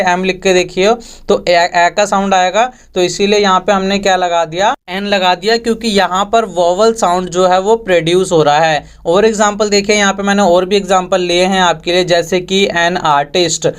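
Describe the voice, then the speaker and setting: A man's voice: high-pitched, clear, resonant tone. A man teaching English grammar, patiently repeating each point and posing questions to his viewers. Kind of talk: Hindi-language grammar lesson.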